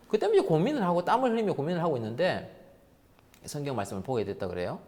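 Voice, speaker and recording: Animated male pastor preaching. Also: mid-range voice. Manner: animated, acts out quoted voices, drops to soft tones. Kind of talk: sermon. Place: church sanctuary. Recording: reverberant church sanctuary.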